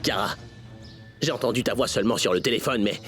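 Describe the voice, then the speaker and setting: A worried young father, voiced by a man in a dubbed television drama, talking quickly with a bright, tense tone. His lines are insistent. Faint music sits underneath. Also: mid-range voice, lightly acted. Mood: anxious. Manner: quick, pressing. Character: anxious young father rushing to save his daughter. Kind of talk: French dub of a TV drama. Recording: soft music under dialogue.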